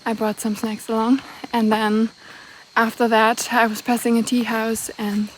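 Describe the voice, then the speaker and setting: A young woman talking casually to her camera while hiking a mountain trail outdoors, chatty and quick to laugh. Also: a little high, little pitch movement, low-quality recording. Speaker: travel vlogger. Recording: outdoor noise behind voice.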